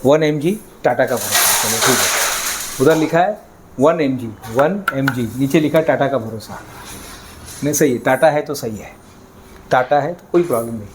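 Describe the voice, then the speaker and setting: A man's voice: mid-range voice, lively intonation, normal speed, noisy background. A man leading a live sales training session, coaxing the audience with energy and getting them to chant lines.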